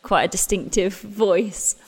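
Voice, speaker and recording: In a large hall, a woman in her thirties, an English musical theatre actress, talks unhurriedly about her career for an interview. Her medium-pitched voice has a breathy edge, and she's chatty and self-deprecating, frequently restarting and laughing at herself.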